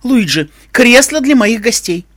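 A man's voice: extremely high pitch, expressive, a little slow, a bit bright, dry recording, studio quality, pitched above the performer's own voice, full character voice. A man voicing a vain, glamorous female unicorn queen who speaks in a mincing, affected way. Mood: gushing.

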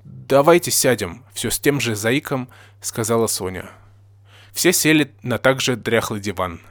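A man reading a fan story aloud in a plain, steady narrating voice. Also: medium pitch, moderate pace, no room sound. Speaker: story reader.

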